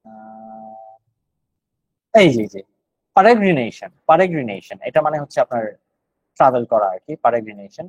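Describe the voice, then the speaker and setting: A man's voice: mid-range voice, very animated, takes it slowly, pauses often, a little mellow, no room sound, dull audio. A man with a Bangladeshi accent teaching GRE vocabulary online, explaining words one at a time and thinking aloud.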